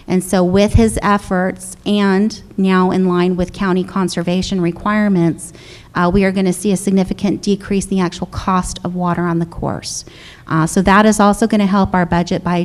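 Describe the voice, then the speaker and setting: A woman's voice: on the low side, a little mellow. A middle-aged woman, a controller, giving a businesslike budget presentation and taking audience questions, with frequent fillers and restarts.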